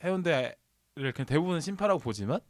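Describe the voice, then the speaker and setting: A man's voice: on the high side, expressive, fast talker, no room sound, studio quality. A man from Busan in casual podcast chat about films, earnest and opinionated. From Busan, South Korea.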